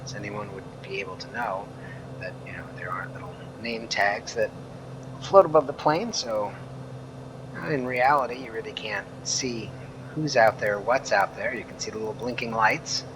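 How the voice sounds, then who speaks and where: Low-voiced man over background drone. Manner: rambling, thinking aloud. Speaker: flight simulator streamer and reviewer. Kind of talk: casual gameplay commentary. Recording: clear engine drone and noise.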